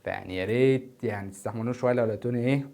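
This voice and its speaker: A worn-out Egyptian man teaching a geography lesson at a rapid clip. He repeats each key term several times and quizzes himself aloud before giving the answer. His voice has a middling pitch. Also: vocal fry, warm tone. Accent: Egyptian Arabic. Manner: repeats key terms, asks and answers his own questions. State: tired, filming at four in the morning. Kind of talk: exam-prep geography lesson. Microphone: standing before a camera.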